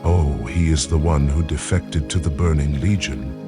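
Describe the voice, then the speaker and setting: A man's voice: rumbling low, normal speed. A man playing a wry, fond ghost companion with an unearthly, ghostly voice in a fantasy role-play. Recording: music behind the voice.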